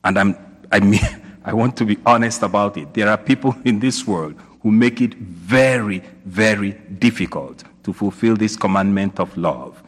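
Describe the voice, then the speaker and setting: A priest delivers a sermon at a moderate pace in a fairly low voice, his words echoing through the long reverb of a large church. He poses rising questions and repeats points for emphasis.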